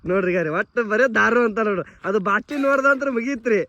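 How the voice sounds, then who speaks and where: A man's voice: sits high, rapid-fire, pushed and bright, highs cut off. A young man, narrating a comic sketch with teasing, mock-exasperated remarks.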